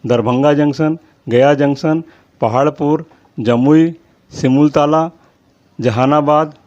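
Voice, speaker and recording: A man reads a long list of names on his own channel in a steady rhythm, pausing at times to apologize for his pronunciation. His voice is a little high and his pace slow, captured in slightly dull lo-fi audio.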